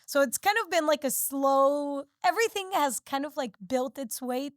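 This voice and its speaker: High-voiced chatty young woman. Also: moderate pace, no echo, studio quality. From Peru and the United States. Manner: chatty, heavy use of filler "like". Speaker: podcast guest. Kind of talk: casual interview chat.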